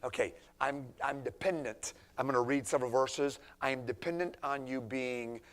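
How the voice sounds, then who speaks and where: A man preaching a conversational sermon to teenagers in a church, swinging between hushed asides and emphatic points. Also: mid-range voice, normal speed.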